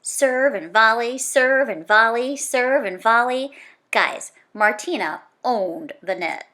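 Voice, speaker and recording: A woman reads a children's book slowly, in a slightly high voice, the way a teacher would for a class. Animated and conversational, she places emphatic stress on the repeated words.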